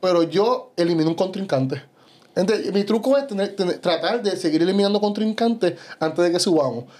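A man's voice: sits high, fairly quick. A young adult man with a Puerto Rican Spanish accent, a bodybuilder guest telling stories animatedly in a casual podcast chat, peppering his talk with "you know". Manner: animated storytelling, frequent "¿sabes?".

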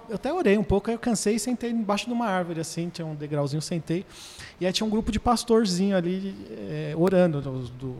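A young man co-hosts a podcast and tells a story in slangy, laughing chat. His voice is high, and it carries a long hall reverb. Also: darkish tone. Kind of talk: casual chat.

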